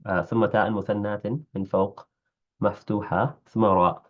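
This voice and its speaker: A man with a fairly low voice reads a classical text to his class. He pauses often to explain in English and fixes his own stumbles. The recording sounds slightly dull and lo-fi. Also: steady tone. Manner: reads Arabic and comments in English, correcting his own slips. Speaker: teacher reading a classical Arabic text. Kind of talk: reading aloud and explaining in a class.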